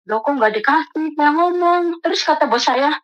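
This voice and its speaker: An Indonesian woman calling in to tell her story as a domestic worker, animated and acting out the people she quotes. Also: high-pitched, moderate pace, muffled recording. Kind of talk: phone-in story told to an advice host.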